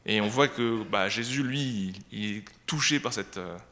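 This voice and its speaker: A man reading a Bible passage aloud, then explaining it in a conversational sermon that pauses to search for words. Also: fairly low pitch, pushed and bright, in a large hall. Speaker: preacher.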